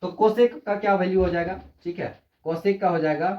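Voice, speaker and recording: A man's voice: high-pitched, moderate pace. Man teaching math in an echoey room. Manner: repetitive, keeps asking the class rhetorical questions. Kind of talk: casual classroom explanation. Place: room, drawing on a digital board. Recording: echoey, dull lo-fi sound.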